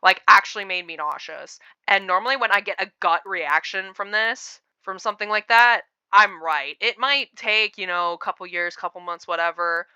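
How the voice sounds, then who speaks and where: A woman delivers casual reaction commentary in a bright, crisp voice. She rambles and digresses as she shares her opinions. The recording is dry and slightly dull, with a lo-fi quality. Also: mid-range voice, moderate pace, hardly any pauses, no echo.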